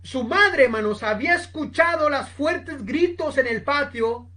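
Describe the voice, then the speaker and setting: A woman preaching a sermon, telling a story slowly and with emphasis, constantly addressing her listeners as brothers. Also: high-pitched, animated, sharp tone. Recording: online seminar recording.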